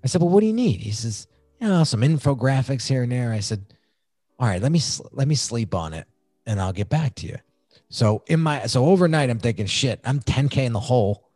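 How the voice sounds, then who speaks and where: A man talking as a podcast guest, telling his own story in an animated, excitable way. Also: medium pitch, fairly quick, no echo, studio quality, soft background music. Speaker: podcast guest, design agency founder. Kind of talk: casual storytelling interview.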